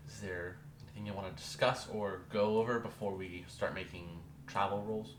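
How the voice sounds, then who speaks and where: A man running a tabletop game as game master, relaxed and laughing often. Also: lowish voice, moderate pace. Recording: roomy room, background noise.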